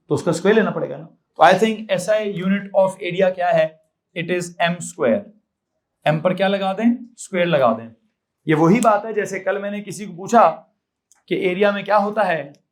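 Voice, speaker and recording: High-voiced Pakistani man teaching physics. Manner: questioning students, repeating answers, mixing English terms. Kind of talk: classroom lecture. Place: classroom.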